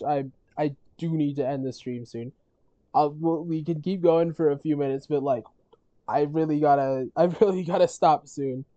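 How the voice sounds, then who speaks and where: A streamer chatting casually on a gaming stream, rambling with halting restarts and frequent laughs, their voice worn from talking all day. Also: medium pitch, dark tone, dry recording, lo-fi sound. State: losing their voice.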